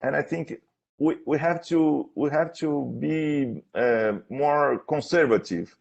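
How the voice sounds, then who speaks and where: Halting, creaky-voiced man, slow academic questioner. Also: fairly high pitch, darkish tone. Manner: halting, hesitant, repeats words while searching for phrasing. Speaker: thesis defense examiner. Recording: dull, lo-fi sound.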